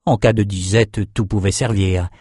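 A man narrating a dark fantasy novel in a steady, even reading voice. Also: lowish voice, moderate pace, breathy edge, no room sound, studio quality. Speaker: audiobook narrator.

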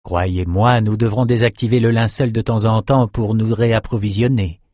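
A man voicing a smug, scheming male chief sorcerer who speaks softly and smoothly in a storybook. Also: fairly low pitch, fairly even intonation, normal speed, no echo, studio quality, close to an everyday voice.

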